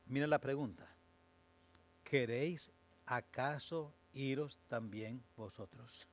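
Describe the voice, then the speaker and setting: A male pastor preaches a sermon, starting with measured explanation and building to slow, emphatic, fervent declarations. His voice is medium in pitch, with a little hiss or hum in the audio.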